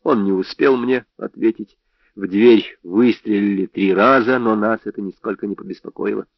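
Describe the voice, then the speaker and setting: Low-voiced man reading crime fiction. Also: normal speed, creaky, no echo. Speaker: audiobook reader. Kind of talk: first-person crime novel narration. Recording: dry, slightly dull audio.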